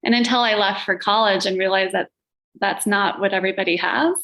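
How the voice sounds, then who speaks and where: Speaking a little fast with a steady, slightly bright mid-range voice, a woman who grew up speaking Latvian at home chats about herself. She's a gallery owner and curator appearing on a podcast, and the casual interview is dotted with small laughs and jokes at her own expense.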